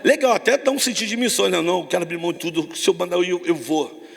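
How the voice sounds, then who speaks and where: A man with a Brazilian accent preaching an animated youth sermon, telling stories and acting out dialogue, moving between shouts and hushed tones. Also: high voice, racing, vocal fry, big-room sound. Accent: Brazilian Portuguese. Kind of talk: lively evangelical sermon.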